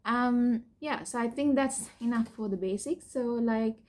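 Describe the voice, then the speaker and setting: In a candid personal vlog, a young Sri Lankan PhD student talks through her cancer treatment and her story. She speaks hesitantly, with lots of fillers and soft laughs, in a slightly high voice and at an unhurried pace.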